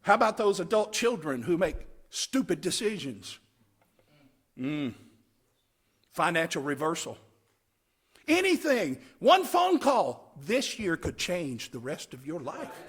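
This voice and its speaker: A man preaches a camp meeting sermon with dramatic emphasis, moving between hushed phrases and loud cries and repeating short lines for effect. His voice is on the high side with huge pitch swings and a breathy edge, and he speaks slowly with frequent pauses.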